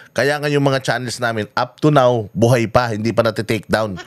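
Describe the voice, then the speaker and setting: A man's voice: mid-range voice, slight background noise. A man from the Philippines ranting in a reactive commentary, mocking and profane, often laughing at what he hears. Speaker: political commentary vlogger.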